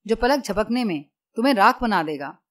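A woman's voice: medium pitch, lively intonation, normal speed, natural voice. A woman voicing a frightened middle-aged male lab engineer in an audiobook, stammering and pleading with his captor. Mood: defiant.

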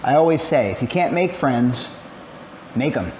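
A middle-aged man narrating a hands-on tutorial in a relaxed, plainspoken way, with dry asides. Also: medium pitch, normal speed. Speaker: maker demonstrating a robot build.

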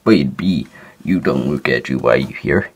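A young man narrates an amateur toy train story in a casual, offhand way, peppered with internet slang. His voice is a rumbling low and animated, at a normal speed. It's a home phone recording made in a small indoor room with the camera held close, and loud background noise and clicks run throughout.

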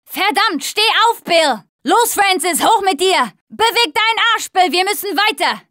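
A young woman, a survivor of a zombie apocalypse in a video game, speaks in a high, expressive voice with a sharp edge. She sounds tough but clearly cares about her team, giving short lines unhurriedly with an urgent, insistent mood. The heavily acted performance is recorded dry and close.

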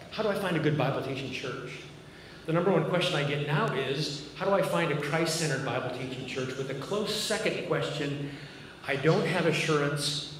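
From a podium on the stage of a large church auditorium, a fifty-something pastor with a Massachusetts accent and a mid-range, fairly bright voice preaches a sermon in an earnest, conversational way, joking drily at his own expense. A far camera at the back of the room films him via the podium mic, and the hall adds long, ringing reverb and clear background noise.

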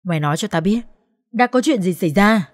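A woman voicing a brash, foul-mouthed young female friend who scolds loudly and swears, in an audiobook. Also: mid-range voice, lively intonation, fairly quick, no echo, studio quality, lightly acted. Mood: angry, scolding. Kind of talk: audiobook character voice.

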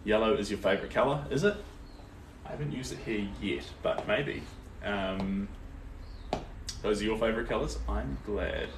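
A man's voice: fairly low pitch, normal speed, pauses often. A young man with a New Zealand accent chatting casually and encouragingly while he paints on a livestream. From Tauranga, North Island, New Zealand. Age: young adult. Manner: easygoing, encouraging, reads out viewers' comments. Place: small indoor art studio. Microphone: camera or phone a few steps away. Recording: roomy, distant mic, faint noise.

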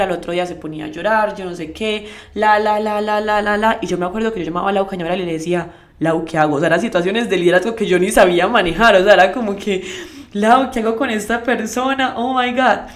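A woman's voice: medium pitch, fast, few pauses. Young woman hyping up her sales team on a live, punchy and direct, mid-range voice. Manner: emphatic, addresses the audience directly; lively storytelling with asides. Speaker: network marketing team leader. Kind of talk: motivational live talk.

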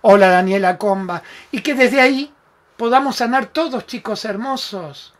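A man's voice: high voice, normal speed. A man with an Argentine Spanish accent hosting a live-streamed self-help talk, emphatic and affectionate, calling viewers by name. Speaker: spiritual talk show host.

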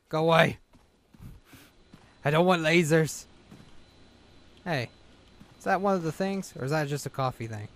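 A man with a fairly high voice gives casual game commentary. He reacts in a jokey, offhand way, with some noisy game ambience behind him. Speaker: gaming video host.

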